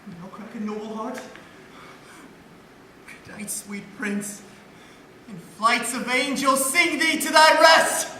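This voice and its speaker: A man's voice: high voice, expressive, unhurried, a bit bright. A man acting a prince's grieving, loyal friend in theatrical Shakespearean style, solemn, emphatic and declamatory. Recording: echoey hall, distant mic, faint noise.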